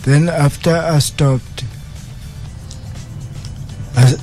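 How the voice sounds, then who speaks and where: Slow, halting man. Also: on the high side, steady tone, dark tone, faint music behind. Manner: halting, slow, repeats phrases. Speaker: boxing coach. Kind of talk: radio interview guest. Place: radio studio.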